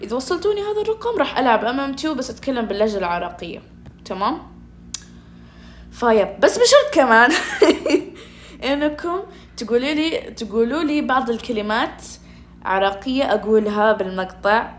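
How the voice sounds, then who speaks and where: A woman gives loose, playful gaming commentary from home. Her voice sits a little high, and she teases and chats freely with her audience. Faint noise hums behind her. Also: very animated, fairly quick. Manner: playful and teasing, chatty with viewers. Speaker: gaming streamer.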